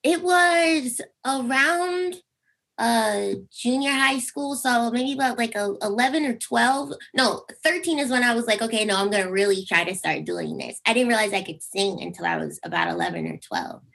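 A young adult woman, a singer appearing as a guest, chats casually in an interview over a video call. Her squeaky, creaky voice moves at a moderate pace as she tells stories animatedly, acting out quotes with big jumps in pitch. The audio quality is poor.

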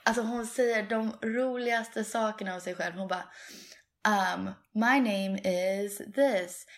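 A young woman in casual chat, animated and switching between Swedish and English while acting out scenes from a film. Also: on the high side.

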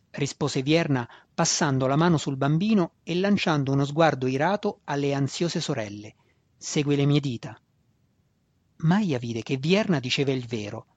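A man narrating an audiobook in a steady, measured way, his voice husky and breathy. The recording is dull and lo-fi, dry with no room sound at all. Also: fairly high pitch, no echo.

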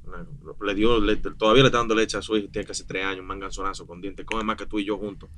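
A man, a new father chatting casually on a podcast, blunt and animated. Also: fairly low pitch, fast, slight background noise. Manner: animated, blunt, mixes quoted voices into his stories. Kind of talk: casual chat.

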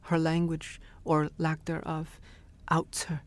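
A poet speaking softly, then reading a poem aloud in a measured way with long pauses. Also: male voice, fairly high pitch, monotone. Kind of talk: poetry reading.

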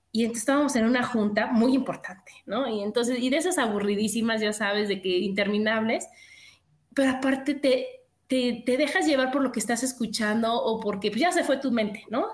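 Middle-aged Mexican woman, high voice, animated talker; echoey room. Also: fairly quick. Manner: animated, expressive storyteller. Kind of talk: casual chat.

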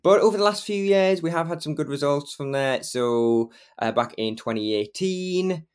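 Speaking at a moderate pace in a clear, resonant, slightly high voice, this Geordie podcast host from Northeast England keeps things casual. He interviews and chats, filling the talk with frequent fillers and laughter.

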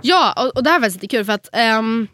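An easygoing young woman co-hosting a podcast who sounds amused as she reads listener mail. Her pitch is a bit raised. The sound is dry and close, with no echo. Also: animated, fairly bright tone. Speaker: podcast co-host. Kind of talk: casual podcast chat, reading listener mail.

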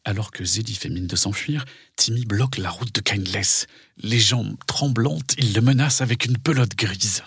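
A man with a lowish, very breathy and husky voice narrates a children's story. The delivery is scripted and dramatic, recorded close and dry. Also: moderate pace, fairly bright tone, no echo.

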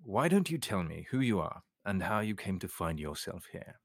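A man acts out a suave army captain interrogating in a period drama, low and dry in sound. His modern British RP speech is formal, measured and sardonic, with cold politeness over menace. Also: sing-song, dry recording, full character voice. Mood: coolly probing.

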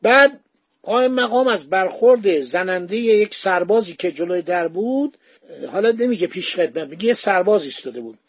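A man's voice: high voice, lively intonation, no echo. A man hosting a history podcast, telling the story in a conversational, digressive way with frequent fillers.

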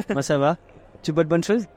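A man's voice: on the high side, animated, normal speed, darkish tone. A man hosting a podcast, chatting and teasing guests in casual interviews at an outdoor wine tasting. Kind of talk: casual vox-pop interview.

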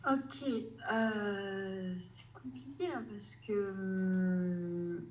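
A woman's voice: medium pitch, fairly even intonation, extremely slow, darkish tone, a little hiss or hum, poor audio. A woman author as a podcast guest, rambling casually and often stopping to search for names.

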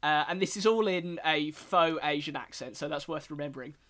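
A man's voice: on the high side, a little fast, fairly bright tone. A man hosting a podcast, chatting casually and hesitantly with frequent ums and restarts. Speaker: podcast host.

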